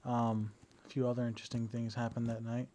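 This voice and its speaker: A hesitant young man with a dark, relaxed, mid-range voice speaks a little fast while lying down indoors at home. He's recording a casual personal video diary on a battery-powered camera, with many fillers and restarts.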